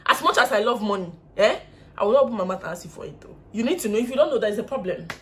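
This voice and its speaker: A young woman with a Nigerian English accent telling a storytime vlog casually, animated and often laughing while mimicking others. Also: mid-range voice, rapid-fire. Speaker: vlogger.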